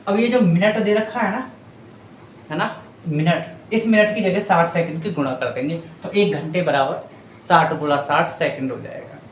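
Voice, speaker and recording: A man's voice: a little high, moderate pace, reverberant, a little hiss or hum, rough recording. A man teaching a physics numerical at a board, patiently talking students through each step in a chatty, reassuring way. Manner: patient, chatty, addresses students as bhaiya and beta. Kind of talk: board lesson explaining a numerical.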